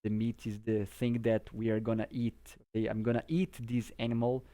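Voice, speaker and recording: Speaking at normal speed with a flat delivery, this man has a warm voice on the low side. He is a Brazilian English teacher whose native language is Portuguese, explaining English vocabulary informally and simply while often making sure the listener keeps up.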